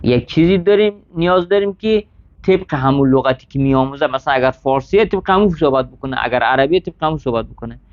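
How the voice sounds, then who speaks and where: A man's voice: mid-range voice, lively intonation. A man teaching a classroom lesson, reading Arabic text line by line, explaining it and checking with his students. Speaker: seminary teacher. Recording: dull lo-fi sound.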